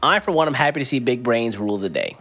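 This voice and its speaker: A man's voice: mid-range voice, sing-song, fast, fairly bright tone, faint music behind. A man co-casting an esports card game, laid-back and joking in banter. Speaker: esports co-caster. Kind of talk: live esports commentary.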